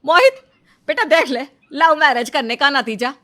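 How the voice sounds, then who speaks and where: Woman voicing a sharp-tongued scolding mother-in-law. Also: sits high, big pitch swings, moderate pace, exaggerated voice. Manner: sharp, taunting, bossy. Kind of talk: cartoon story voice acting.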